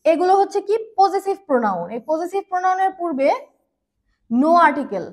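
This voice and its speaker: High-voiced woman teaching grammar. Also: sing-song. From Bangladesh. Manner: patient, repeats key words slowly, frequent fillers. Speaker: English teacher. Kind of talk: grammar lesson explanation.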